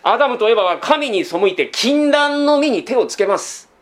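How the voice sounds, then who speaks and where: Lively high-voiced man preaching. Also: moderate pace. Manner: conversational preaching full of rhetorical questions; tags sentences with a trailing "this". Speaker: pastor. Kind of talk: sermon.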